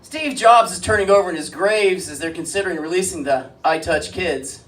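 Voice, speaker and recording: Man, high voice, stand-up comedian, deadpan crude one-liners, club mic heard from a distance. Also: brisk, heavy background noise. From Springfield, US.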